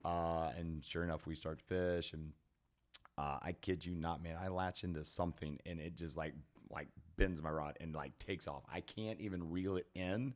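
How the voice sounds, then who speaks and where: A middle-aged man, a personal trainer, telling a story as a podcast guest in an animated, casual way. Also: deep voice, moderate pace. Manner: animated, lots of "like" and "man" fillers.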